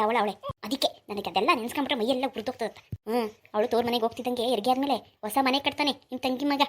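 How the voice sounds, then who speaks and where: A woman voicing a sharp-tongued, jealous village mother in a cartoon, with a grumbling, sarcastic way of talking. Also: on the high side, close to an everyday voice. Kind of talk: cartoon voice acting.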